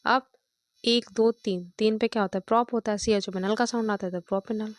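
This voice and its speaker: Medium in pitch and a little fast, with fairly even intonation and no echo, a woman teaches chemistry step by step. She counts out loud and often checks on her students with "thik hai" and "dekho".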